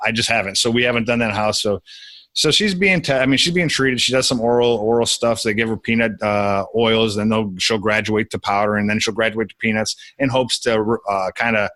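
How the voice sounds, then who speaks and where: A man's voice: lowish voice, fairly even intonation, brisk, fairly bright tone, no room sound. A young adult man, a podcast guest, telling a personal story in casual conversation with many restarts.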